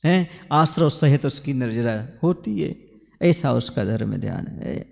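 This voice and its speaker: A man's voice: medium pitch, expressive, a little slow, vocal fry, darkish tone. A man who is a Jain monk, giving a sermon on scripture, asking his listeners questions and reciting rhyming couplets. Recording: long hall reverb.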